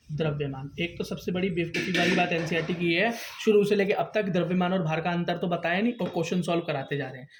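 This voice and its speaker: A man's voice: high voice, background noise. A man teaching a science lesson to a class, asking students questions and answering them himself. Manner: quizzes students, calls them "beta", answers his own questions.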